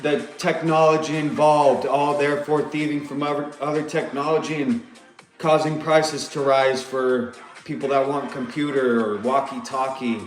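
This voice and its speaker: A man's voice: mid-range voice, steady tone, moderate pace, echoey room, soft background music. A man delivering a rambling, profane rant to the camera, agitated and repeating himself.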